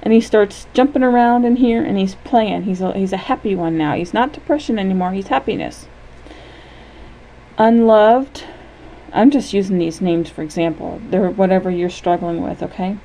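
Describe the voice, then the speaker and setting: A woman leading a guided imagery lesson in a gentle, unhurried way, often checking in with "okay?". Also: medium pitch, low-quality recording.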